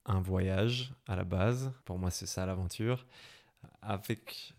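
A man's voice: low voice, takes it slowly, a little mellow, faint music behind. A young man from Belgium with a Brussels accent, speaking casually in an interview, hesitant with many fillers and restarts. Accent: Brussels French. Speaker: interviewee, motorcycle traveler.

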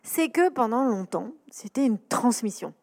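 A woman's voice: a little high, lively intonation, unhurried, vocal fry, a little mellow. A woman hosting an interview, probing her guests with long, built-up questions.

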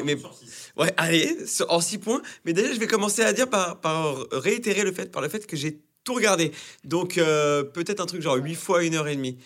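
Man, slightly high voice, blunt and crude, laughs a lot, casual panel chat. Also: fairly bright tone. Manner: laughs often.

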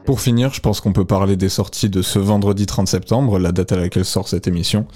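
A young man co-hosting a radio music show, talking through new rap releases in a relaxed, conversational way. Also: sits low, brisk. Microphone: studio microphone.

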